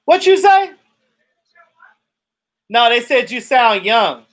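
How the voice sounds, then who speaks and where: With an extremely high, fairly bright voice, a slow pace and great animation, a man in his thirties of Jamaican descent riffs on football during his live stream. He reads viewer comments and speaks his mind, swearing freely.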